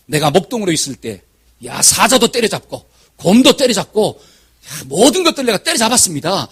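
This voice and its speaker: A man's voice: high-pitched, sing-song, a little fast, a bit bright, breathy edge, full character voice. A man voicing a bold, fearless young shepherd who declares he will fight. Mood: defiant. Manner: declaring boldly.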